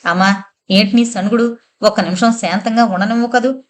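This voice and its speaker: A woman's voice: mid-range voice, fairly even intonation, normal speed, lightly acted. Harsh young husband in an audio novel, curt and stern, read by a woman.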